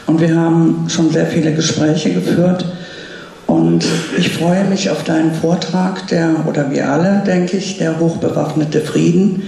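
A woman introduces a guest speaker in a plain, friendly way, holding a microphone at a lectern. Her voice is gravelly and mellow, and the room rings with strong echo. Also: low-pitched, unhurried. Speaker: event host. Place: dark stage at a lectern. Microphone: handheld microphone. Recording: very echoey room.

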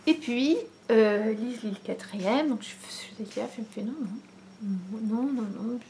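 Her voice is a little high with a dark tone and an unhurried pace: a French woman in her thirties who knits on her vlog, chatting casually and ramblingly with many fillers and restarts. She sits indoors in her living room before a camera that frames her head and shoulders, with slight background noise.

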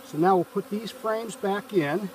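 A man calmly walking through a beehive check step by step, filmed outdoors on a farm from a few feet away. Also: sits high, measured pace, a little hiss or hum. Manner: calm, explains step by step while working. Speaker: hobby beekeeper. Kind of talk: casual how-to narration. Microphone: camera a few feet away, speaker in a bee suit and veil. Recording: distant outdoor camera audio, buzzing bees.

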